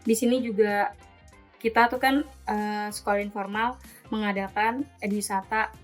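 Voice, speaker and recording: A woman in her late twenties, a volunteer tutor, answering interview questions casually and hesitantly, with many pauses and fillers. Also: mid-range voice, steady tone, faint music behind. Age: 20s.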